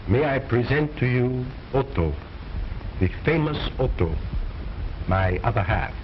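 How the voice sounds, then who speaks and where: A man's voice: medium pitch, lively intonation, unhurried, close to an everyday voice. A man playing a pompous, easily exasperated ventriloquist, speaking formal stage patter as the straight man in an old film. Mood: grand, formal. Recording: muffled old film soundtrack, faint noise.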